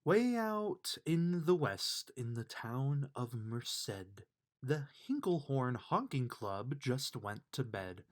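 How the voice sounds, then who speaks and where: This is a man in the middle of his vocal range, giving a measured, emphatic storytelling reading of a rhyming children's bedtime book.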